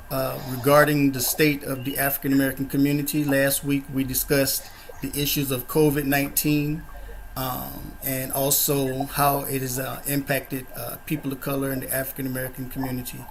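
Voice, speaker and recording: A man hosts a panel discussion over a video call. His pitch stays in the middle of a man's range but barely moves, so the delivery sounds even and monotone. He keeps it measured and pads it with uh and um. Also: creaky, a little hiss or hum. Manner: measured, flat delivery with frequent uh and um fillers. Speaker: host of a discussion forum.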